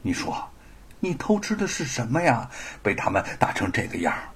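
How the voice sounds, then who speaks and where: A man voicing an indignant, righteous male scholar who scolds loudly. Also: mid-range voice, sing-song, moderate pace, slightly rough. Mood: calm persuading. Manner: loud, scolding.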